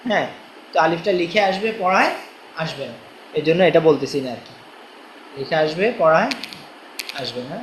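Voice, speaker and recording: A man's voice: on the high side, animated, normal speed, long pauses, a little hiss or hum. A male teacher giving a recorded reading lesson, patiently chanting letter drills line by line. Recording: echoey room, faint ambience.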